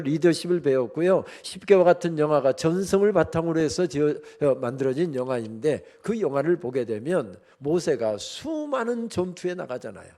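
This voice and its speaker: Brief: guest preacher, male, slightly higher voice, storytelling sermon with playful asides. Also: darkish tone. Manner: storytelling, humorous asides to the congregation. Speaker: guest preacher at a revival meeting. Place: church sanctuary.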